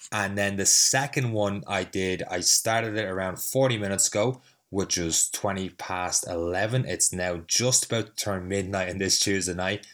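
Male podcast host, very deep voice, sniffly cold, easygoing rambling chat, mic a bit distant. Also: moderate pace, hardly any pauses, a bit bright. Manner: rambling, self-deprecating, easygoing. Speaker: fitness coach and podcast host. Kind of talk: casual solo podcast talk. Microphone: mic set a little further away than usual.

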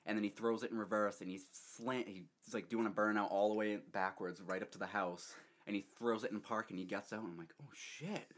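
A young man with a very low, deep voice tells a long rambling story in casual chat. He laughs often and keeps restarting his sentences as he goes. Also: steady tone, fairly quick, fairly bright tone. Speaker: storyteller co-host.

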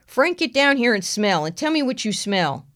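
A woman voicing a big, burly, gruff male sheriff in his fifties with a blunt, swearing drawl. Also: fairly high pitch, big pitch swings, normal speed, a bit bright, pitched above the performer's own voice. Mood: instructive, blunt.

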